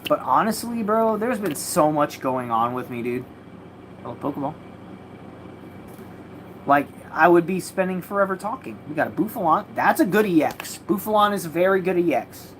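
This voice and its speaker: A woman's voice: on the low side, expressive, normal speed. A woman chatting casually on a livestream while opening trading card packs, rambling, slangy and swearing freely, from a home room with a mattress propped against the wall. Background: faint noise of a party next door.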